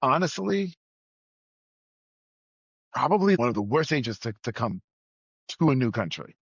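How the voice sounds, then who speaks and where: As a podcast guest, this Trinidad and Tobago native, who came to the US at nine, recounts his story in a conversational, emphatic way, repeating phrases to stress them. His mid-range voice is husky, with big pitch swings and a measured pace, on a dry, slightly dull lo-fi recording.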